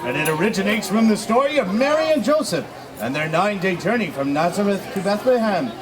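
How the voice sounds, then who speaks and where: A proud, welcoming wise king, acted by a man, declaims a holiday story. His high voice rises and falls dramatically, projected over an outdoor crowd. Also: sing-song, brisk, background noise. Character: proud welcoming Melchior, Persian Magi king. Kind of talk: theatrical live storytelling.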